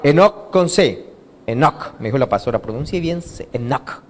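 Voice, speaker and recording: A man with a fairly high voice preaches to his church in a teaching tone. He keeps posing questions to the congregation and waiting for them to answer. He prompts them to repeat key words back to him. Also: expressive, moderate pace. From Colombia. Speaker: pastor. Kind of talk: interactive sermon. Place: church hall.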